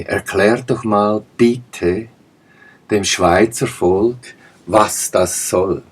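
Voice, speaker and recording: A political commentator with a deep, slightly breathy voice delivers an emphatic monologue, firing off pointed rhetorical questions and hammering the same points repeatedly.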